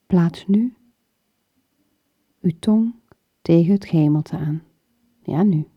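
A woman guiding a muscle relaxation exercise in short, soothing phrases, her soft breathy voice often falling toward a whisper. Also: lowish voice. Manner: slow, soothing, with pauses between short phrases. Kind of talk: guided muscle relaxation instruction. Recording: dull lo-fi recording with room echo.

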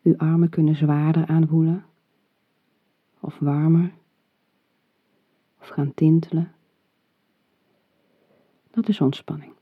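Muffled, phone-like audio with a roomy echo carries a relaxation guide through a meditation. The speaker uses a mid-range, soft, breathy voice that is calm and soothing, giving instructions at a measured pace.

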